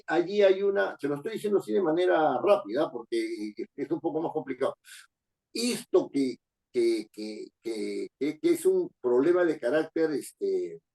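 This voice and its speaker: A man's voice: mid-range voice, darkish tone, rough recording. An older man from Peru giving a classroom lecture, emphatic, repeating phrases and checking that students follow.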